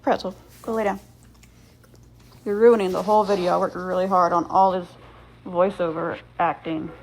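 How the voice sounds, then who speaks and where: A woman with a creaky, fry-edged voice at an ordinary female pitch gives casual voice-over commentary for a painting craft video she hosts. She rambles with playful dry sarcasm and readily mocks herself, with fairly even intonation and a little hiss or hum in the recording.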